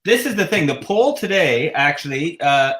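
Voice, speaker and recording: A man's voice: fairly high pitch, big pitch swings, moderate pace, fairly bright tone. A Canadian man with a slight lisp, hosting a casual livestream chat and rambling with frequent chuckles. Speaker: host.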